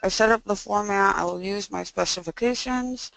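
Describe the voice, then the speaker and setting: Young woman doing a class presentation, talks like her jaw's wired shut, kinda muffled and creaky. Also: medium pitch, normal speed, a bit bright, no echo. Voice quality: constricted, muffled speech through a stiff jaw after surgery, as if wired shut. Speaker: student presenting design coursework.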